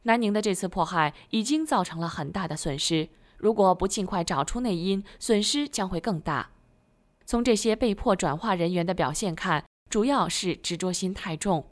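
Female reader with a slightly low voice and a steady, formal read. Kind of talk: reading aloud a scripted text.

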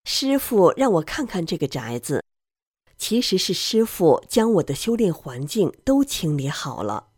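A woman's voice: fairly low pitch, sing-song, measured pace, a little mellow, husky, no room sound, studio quality. A woman telling her own story in a plain first-person way, acting out the lines she quotes.

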